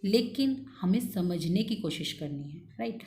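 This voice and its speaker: A woman's voice: on the low side, animated, measured pace, dark tone, a little hiss or hum. A woman teaching an English grammar lesson in a patient, coaxing way, repeating key points and checking in with her students after each one.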